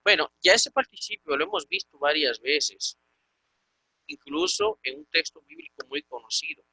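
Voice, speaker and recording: Bright-voiced man teaching in a dry room. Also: fairly high pitch, wildly swooping pitch, creaky, husky, dry recording, poor audio. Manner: patient, explains step by step, repeats words slowly. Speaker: Greek teacher. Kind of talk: online class lesson. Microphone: video call.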